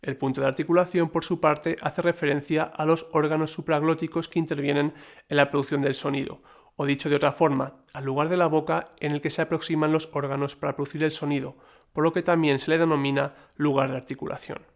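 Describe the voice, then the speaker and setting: Man with a gravelly voice explaining. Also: on the high side, level tone. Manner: measured, explanatory reading with small slips. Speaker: lecturer. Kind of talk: scripted educational narration.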